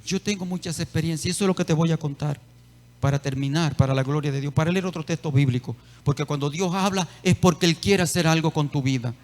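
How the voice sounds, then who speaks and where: A man preaching a sermon as a pastor, telling personal testimony with emotional swells and quiet stretches. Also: on the high side, quick pace. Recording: long hall reverb.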